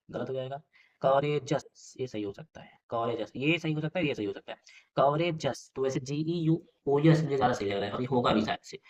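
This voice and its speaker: A man with a fairly high voice races through a spelling lesson for exam students. He thinks aloud, repeats words and spells them letter by letter. The recording sounds dull and lo-fi. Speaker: English teacher for exam prep. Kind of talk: casual spelling quiz lesson.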